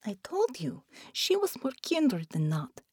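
Lady doing a chirpy whispery girl pilot ghost, soft and quiet. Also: fairly high pitch, huge pitch swings, a little slow, slightly rough, no room sound, clean studio sound, voice pushed up, exaggerated voice. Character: cheerful young Russian woman pilot spirit.

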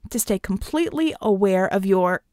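A woman's voice: medium pitch, lively intonation, moderate pace, darkish tone, no echo, clean studio sound, natural voice. A woman playing a brash, slangy male genie. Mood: teasing. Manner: loose, joking slang.

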